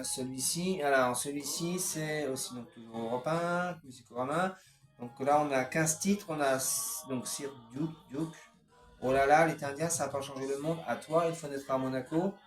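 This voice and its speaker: In a casual, unscripted home video, a man shows off his CD collection, listing song titles hesitantly with many fillers. His voice is mid-range and sounds reverberant.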